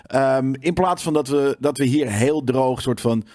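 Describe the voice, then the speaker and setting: A man co-hosting a casual talk show, lively and quick to mock others with exaggerated put-on voices. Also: medium pitch, no echo. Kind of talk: casual panel chat.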